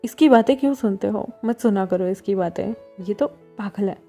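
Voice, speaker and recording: Woman doing an older brother, gentle, soothing, firm, mellow tone. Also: mid-range voice, fairly quick, gravelly, soft background music. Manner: kind, soothing, firm scolding.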